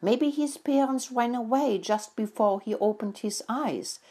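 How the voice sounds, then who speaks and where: A woman's voice: on the high side, measured pace, dark tone, voice pushed up. A woman reading as a kind young mouse girl. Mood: sympathetic. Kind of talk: storybook reading.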